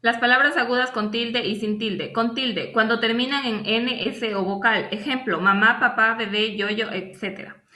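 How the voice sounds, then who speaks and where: A woman's voice: on the high side, moderate pace, bright, forceful tone, echoey room. A woman student presenter reading a class presentation, listing examples one by one. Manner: reads definitions and lists examples one by one.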